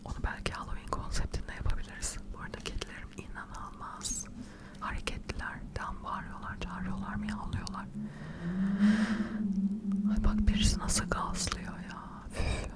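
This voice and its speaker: A middle-aged woman whispering quietly in casual, rambling, self-deprecating ASMR chat, close to the microphone. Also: medium pitch, level tone, normal speed. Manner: quiet, hushed late-night whispering. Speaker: ASMR video creator. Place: furnished living room at home, indoors. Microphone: furry-covered microphone close to the mouth.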